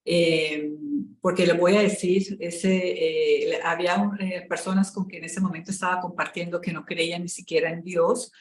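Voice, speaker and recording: A Colombian woman, a spiritual coach, telling her story in an interview in an emotional, halting way, with many fillers and restarts. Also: fairly low pitch, steady tone, roomy sound, low-quality recording.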